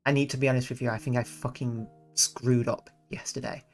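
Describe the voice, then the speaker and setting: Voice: mid-range voice, flat delivery, a little fast, creaky, faint music behind. A streamer doing a blind visual novel playthrough, commenting with sarcastic, profane, rambling asides.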